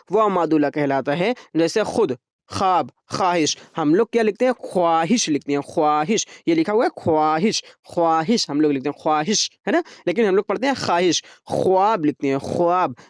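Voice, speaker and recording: A man teaching a grammar lesson for exam preparation, patiently explaining rules, repeating example words slowly and stretching them out, and often checking that the listener is following. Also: high voice, a little mellow, no echo, clean studio sound.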